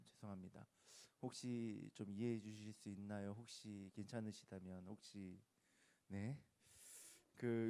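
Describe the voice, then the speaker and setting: A man in his thirties giving a conversational youth sermon as pastor, asking the listeners questions and swinging from loud emphasis to soft hushed asides. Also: on the low side.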